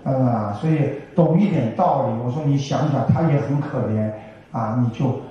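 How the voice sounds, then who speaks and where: A man's voice: mid-range voice, moderate pace, dull audio, background noise. An older man gives a folksy Buddhist dharma talk to an audience, full of rhetorical questions. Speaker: Buddhist teacher. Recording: echoey hall from far off.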